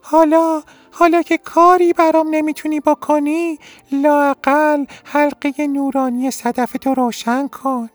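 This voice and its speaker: A man voicing a small, shy winged snail who is unhappy with its wings, in a high, thin, strained voice. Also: little pitch movement, dry recording, faint music behind. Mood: pleading.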